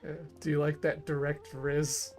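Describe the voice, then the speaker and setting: A woman's voice: sits low, flat delivery, unhurried, background noise. A woman giving casual, playful live reaction commentary as a game streamer, joking along. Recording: game music behind the voice.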